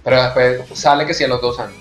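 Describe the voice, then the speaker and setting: A man's voice: mid-range voice, fairly even intonation, fast, a bit bright. A man with a Venezuelan Spanish accent, hosting a casual, candid chat and telling his stories frankly and with animation. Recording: echoey room with faint music.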